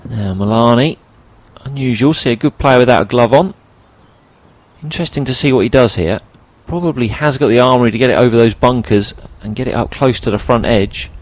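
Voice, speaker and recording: A man's voice: mid-range voice, a little fast, no room sound. A man giving golf commentary, analysing each shot as it is played.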